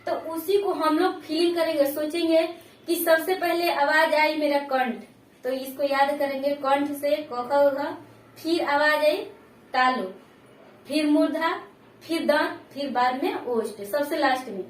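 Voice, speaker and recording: A woman with a high voice teaches a lesson, repeating each point and checking that her students follow. She is heard from a distance, and her voice echoes around the room. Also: fairly even intonation, unhurried. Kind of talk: classroom lesson.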